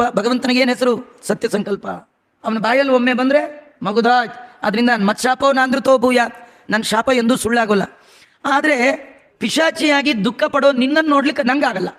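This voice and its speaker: Male religious scholar, very high voice, sermon style: chants verses, then talks them through, with questions thrown to the audience. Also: a bit bright. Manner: asks the audience questions and answers them himself; homely examples, conversational asides to listeners. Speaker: religious scholar giving a discourse. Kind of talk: devotional sermon on scripture.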